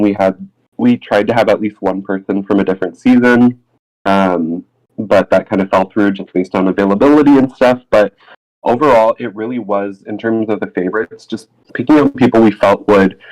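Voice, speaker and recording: Low-voiced man co-hosting a podcast. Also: darkish tone, low-quality recording. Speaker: podcast co-host. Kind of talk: casual podcast chat.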